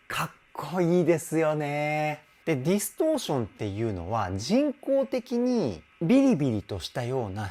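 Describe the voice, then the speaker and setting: A man's voice: mid-range voice, a little mellow. A man working as a vocal coach, giving enthusiastic commentary that analyses a song's vocals and demonstrating sounds with his own voice.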